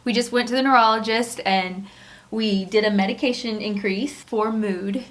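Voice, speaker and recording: A woman in her fifties who cares for her husband, hosting a casual home vlog and speaking earnestly and openly, with many fillers and soft laughs. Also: a little high, steady tone, normal speed. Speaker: spouse and caregiver, vlog host.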